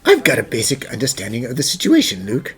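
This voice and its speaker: A man playing a courteous, composed gentleman professor, measured and formal, in an anime-style fan dub. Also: medium pitch, wildly swooping pitch. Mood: thoughtful, composed.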